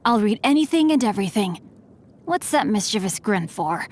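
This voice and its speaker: In a mid-range, expressive voice at a moderate pace, a woman lightly acts game lines for a refined young male swordsman-scholar who is courteous and playful. Her tone is polite, composed, formal and gently teasing, with faint background noise.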